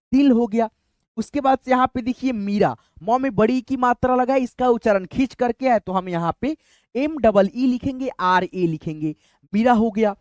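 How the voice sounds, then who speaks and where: A man's voice: very high-pitched, dry recording. A man teaching a step-by-step lesson, repeating "friends" often as he talks the class through each point. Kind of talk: explanatory lesson.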